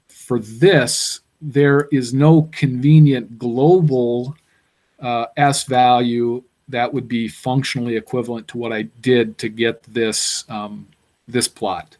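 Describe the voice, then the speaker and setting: A man's voice: mid-range voice, steady tone, slow, darkish tone. A man giving a university engineering lecture, explaining step by step and thinking aloud with fillers.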